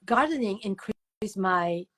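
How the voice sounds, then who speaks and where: Taking her time, an older woman with a medium-pitched voice answers an interview as a guest author. She spins her stories with animation and digressions, using emphatic repetition.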